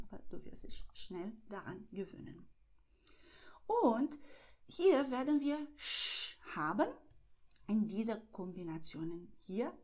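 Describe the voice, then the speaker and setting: A woman from Brazil with a São Paulo accent, a native Portuguese speaker, giving an online pronunciation lesson in German, slow and deliberate, often checking in with "Okay?". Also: on the high side, darkish tone. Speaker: language teacher.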